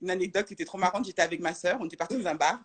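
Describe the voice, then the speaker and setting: A woman's voice: lowish voice, very fast, breathy edge. A woman talking as a guest in a casual live-stream chat, hesitant, with many restarts, over a video call.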